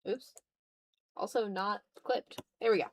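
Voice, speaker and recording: A woman who streams her digital art talks in an unhurried, medium-pitched voice with fairly even intonation. She keeps up playful, slangy chatter while drawing, directed partly inward and partly at viewers.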